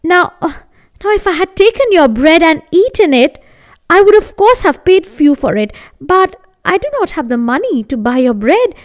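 A woman's voice: very high voice, very animated, moderate pace, pitched above the performer's own voice. Woman doing a stammering, pleading poor man.

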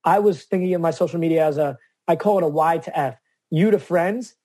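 A man's voice: a little high, fairly quick, warm tone, dry recording. A man speaking as a guest on an interview podcast, earnest and reflective about advocacy. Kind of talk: casual interview chat.

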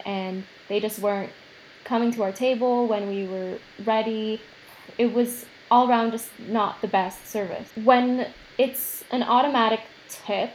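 A young woman chatting casually with a friend, telling a story in a loose way with lots of fillers. Her voice sits at a middling pitch, and faint room ambience hums behind her. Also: slight background noise, rough recording. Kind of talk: casual chat.

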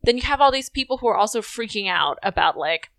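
Bright-voiced young woman chatting casually. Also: on the high side, quick pace, no echo. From Indonesia. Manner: animated, fillers of "like", swears casually. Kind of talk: casual podcast chat.

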